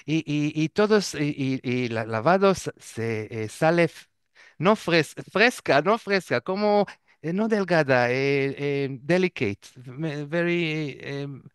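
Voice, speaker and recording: Halting man telling stories. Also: fairly high pitch, lively intonation, clean tone, no room sound, studio quality. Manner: halting, searches for words, restarts often. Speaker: guest. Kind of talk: casual storytelling.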